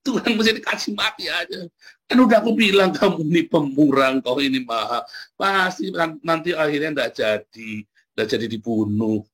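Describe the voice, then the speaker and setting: A man voicing an angry male prophet who scolds and spits threats at a city, in a husky voice. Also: on the high side, normal speed, a bit bright. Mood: bitter.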